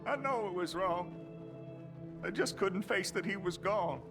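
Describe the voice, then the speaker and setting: A man's voice: high-pitched, expressive, measured pace, music in the background. A man playing a deranged, grieving backwoods father with a Southern American accent in a video game. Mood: grieving, pleading.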